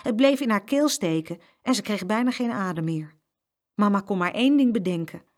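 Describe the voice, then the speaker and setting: A woman's voice: medium pitch, expressive, moderate pace. A woman reading a children's story aloud and acting out the sound effects.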